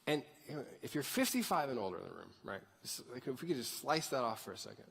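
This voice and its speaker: A man's voice: mid-range voice, sing-song, fast, vocal fry, fairly bright tone, slightly rough. A man of thirty preaching a conversational sermon to a church crowd and asking them to raise their hands. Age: 30s. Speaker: pastor. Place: large church sanctuary. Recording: long hall reverb.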